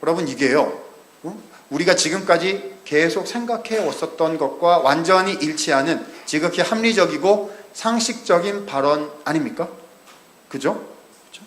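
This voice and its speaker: A man preaching a sermon in a lively, conversational way, often asking the congregation questions. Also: fairly high pitch, moderate pace, reverberant. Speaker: pastor. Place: church sanctuary.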